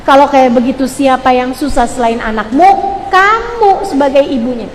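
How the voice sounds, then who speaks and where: A woman's voice: high voice, lively intonation, normal speed, big-room sound, slight background noise. A woman preacher giving an earnest sermon to mothers, speaking straight to her listeners and repeating phrases for emphasis. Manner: addresses listeners directly as mothers. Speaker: Islamic preacher. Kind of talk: sermon to women.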